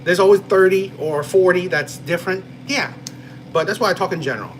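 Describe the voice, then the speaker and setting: A man's voice: sits high, fairly quick, noisy background. A man from New Jersey hosting a casual live stream and chatting with viewers, rambling with lots of "right?" and "you know". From New Jersey, USA. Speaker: live-stream host reading chat.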